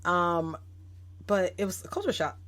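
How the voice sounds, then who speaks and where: A woman's voice: fairly low pitch, a little slow. A woman in her thirties, a guest educator, telling stories on a casual podcast in a reflective way. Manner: reflective, animated when quoting others.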